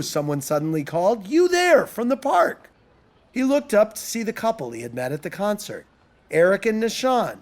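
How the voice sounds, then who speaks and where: A male storyteller reads in a playful, expressive manner, his voice high and very animated. He leans into the comic turns with a bouncing delivery. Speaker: narrator. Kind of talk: storytelling narration.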